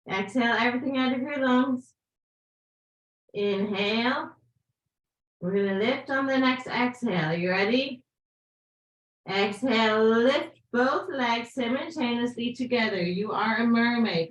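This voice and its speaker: Yoga teacher, woman, slightly high voice, playful encouraging cues, voice wearing thin, room echo. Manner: encouraging, playful cueing with breath counts. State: losing her voice. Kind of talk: live yoga class instruction. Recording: echoey room.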